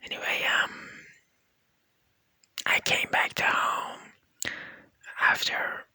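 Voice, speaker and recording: This slow-paced ASMR diary vlog comes from a young university student speaking English as a non-native language, with Persian as a second language rather than a first. Close to the mic, the student whispers softly without voicing, rambling easily with plenty of fillers, and there's no room sound.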